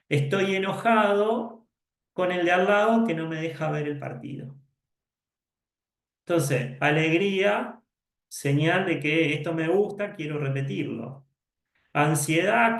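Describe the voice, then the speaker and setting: Male psychologist, lecture delivery with acted-out exchanges; slightly high voice, roomy echo. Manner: explanatory, acts out dialogues, self-corrects. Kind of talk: conference lecture.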